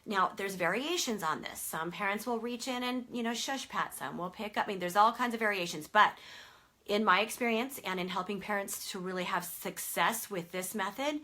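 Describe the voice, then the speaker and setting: A woman's voice: medium pitch, moderate pace, sharp tone. A woman sleep consultant explaining a method to parents in a conversational way, with many fillers and emphatic stresses.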